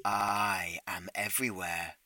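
A man voicing a smart-home AI gone evil, speaking in a smooth, coldly polite, quietly threatening way. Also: deep voice, level tone, takes it slowly, no echo, full character voice. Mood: calm menacing. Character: calm menacing male smart-home AI turned evil. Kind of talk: comedy sketch acting.

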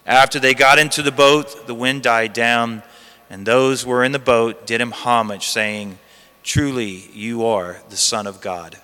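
A man's voice: medium pitch, fairly even intonation, a little slow, sharp tone, clear, resonant tone. A priest reading the gospel and preaching emphatically, with repeated phrases, his voice ringing in a large church's cathedral echo. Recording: long echoing church reverb.

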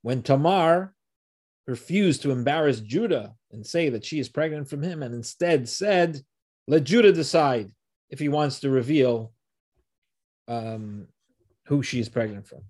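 A man teaching a Torah passage, reading the verses slowly and then translating and explaining them, often asking rhetorical questions. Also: medium pitch, expressive, a little mellow.

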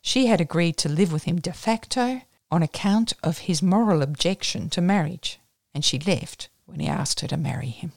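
A woman with a broad Australian accent reads a novel aloud, stopping to sum up the plot in plain, unfussy words. Her voice sits on the low side and the recording is dry and close, with no room sound. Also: lively intonation, moderate pace, vocal fry, hardly any pauses, a little mellow, no room sound. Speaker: reader. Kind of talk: reading a novel aloud with chatty summaries.

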